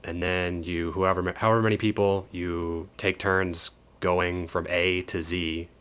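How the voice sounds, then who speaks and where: A man's voice: sits low, little pitch movement, a little slow, a bit bright, smooth. A man co-hosting a podcast in casual chat, laid-back and swearing offhandedly. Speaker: podcast co-host.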